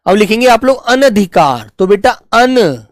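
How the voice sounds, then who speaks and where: A man teaching Hindi spelling in a live online class, patiently repeating each word slowly and fondly addressing his students as children. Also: high-pitched, very animated, no room sound, studio quality.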